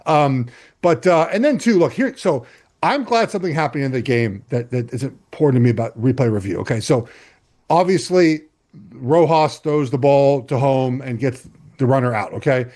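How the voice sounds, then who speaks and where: A man from Los Angeles, a retired football lineman guesting on a sports podcast, who argues his points emphatically with quick stumbling restarts. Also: mid-range voice, expressive, a little mellow. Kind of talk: casual sports chat.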